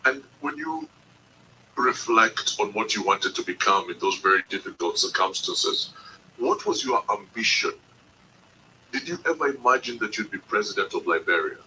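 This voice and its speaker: A male podcast host with a very bright, ringing tone and lively intonation asks measured, probing questions. He sits slightly back from the mic over a faint hiss. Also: on the low side, distant mic, low-quality recording. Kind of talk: scripted narration and interview.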